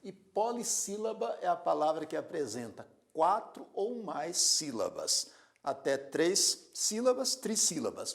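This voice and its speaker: A man teaching a grammar lesson, speaking slowly and deliberately, repeating words syllable by syllable and asking the learner rhetorical questions. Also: on the high side, gravelly. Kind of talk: classroom lecture.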